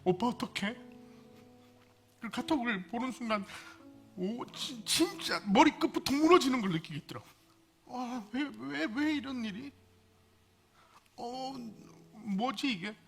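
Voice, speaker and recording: A male pastor in his thirties preaching a sermon to young adults, moving between loud, pleading climaxes and quiet, personal storytelling. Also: very high-pitched, animated, unhurried, gravelly, slightly rough, faint music behind.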